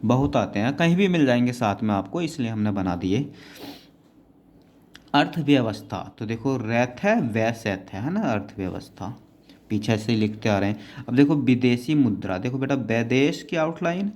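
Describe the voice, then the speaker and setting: A man's voice: medium pitch, lively intonation, normal speed, a little mellow. A man teaching shorthand, patiently explaining each word and checking in with his students as he goes. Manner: patient, keeps adding "है ना" and calling students "बेटा".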